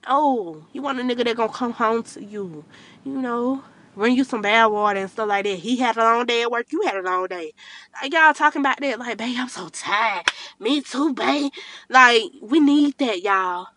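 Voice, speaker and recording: A woman's voice: a little high, normal speed, sharp tone. A young woman, podcasting in a car at night, giving blunt, profane advice to her listeners. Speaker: podcast host. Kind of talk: casual rant to listeners.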